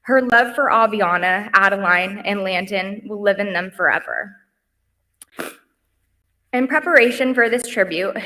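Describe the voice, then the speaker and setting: A young woman reading a heartfelt eulogy at a memorial service, earnest and tender. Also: mid-range voice. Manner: earnest and heartfelt, softening on lists. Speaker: eulogy speaker. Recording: livestream in a reverberant hall.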